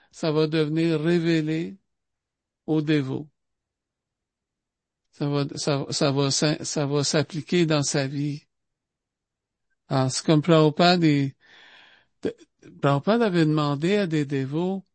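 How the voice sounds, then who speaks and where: With no room sound around it, a man's on-the-high-side voice carries an informal spiritual talk in a Québécois French accent. His delivery is chatty, full of repetitions, and his pauses get filled with asides.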